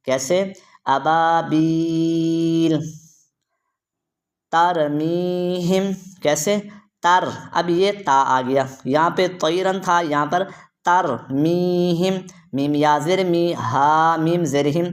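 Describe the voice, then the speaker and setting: Man drilling recitation syllable by syllable. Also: fairly high pitch. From Pakistan. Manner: drills by asking how it is read, then answering; drawn-out melodic recitation of verses. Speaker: Quran recitation teacher. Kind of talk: tajweed lesson, spelling out syllables.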